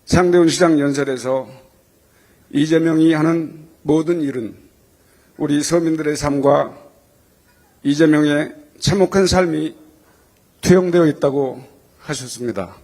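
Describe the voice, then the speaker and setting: A man's voice: fairly high pitch, measured pace, long pauses, a little mellow. A man delivering a formal prepared welcome address as a community association president, in an earnest, deferential and ceremonial manner.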